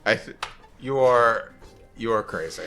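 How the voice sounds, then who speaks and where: A man co-hosting a game session in casual chat, often restarting his phrases haltingly. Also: fairly low pitch, bright, forceful tone, soft background music. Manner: halting, repeats phrase openings. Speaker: let's play co-host watching and commenting.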